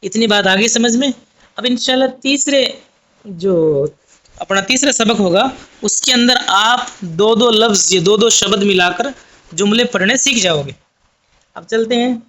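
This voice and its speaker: A man's voice: high voice, measured pace, sharp tone. A man teaching an online language lesson, explaining patiently and repeating each point for his viewers. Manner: patient, repetitive explaining, addresses viewers as friends. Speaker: Urdu teacher. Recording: dull lo-fi sound.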